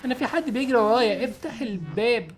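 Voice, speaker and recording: A man voicing a frightened young woman who begs, high-pitched and breathless, to be let in through a door, with an Egyptian Arabic accent. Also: animated, fast, slight background noise. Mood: pleading.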